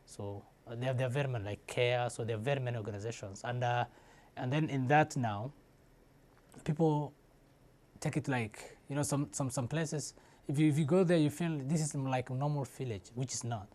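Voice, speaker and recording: Interviewed about his life, a young man from Somalia gives a casual personal account that's hesitant and unplanned, with frequent fillers and false starts. He speaks at a moderate pace in a mid-range voice with a darkish tone.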